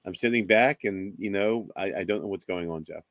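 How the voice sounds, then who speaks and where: A man co-hosting a casual paranormal radio chat, excitable and stammering, repeating himself. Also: deep voice, a little fast, no room sound. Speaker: co-host.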